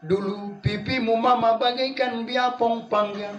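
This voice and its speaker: A man voicing an older husband who gently teases his wife in a soft, drawn-out way. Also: extremely high pitch, fairly even intonation, lo-fi sound, over loud music. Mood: teasing. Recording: echoey hall, distant mic.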